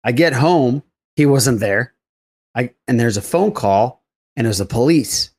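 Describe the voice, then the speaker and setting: A podcast host trades casual, friendly banter with his co-hosts, calling them "buddy." His medium-pitched voice is a little slow with a breathy edge, and his manner is animated and chummy.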